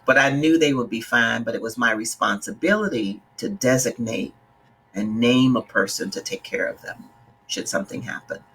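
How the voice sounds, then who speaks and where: A woman's voice: rumbling low, expressive, moderate pace, a bit bright, husky. A middle-aged woman from the Bahamas, a life coach talking casually to her live-stream viewers in an earnest, direct way and greeting them by name. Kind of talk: casual livestream talk.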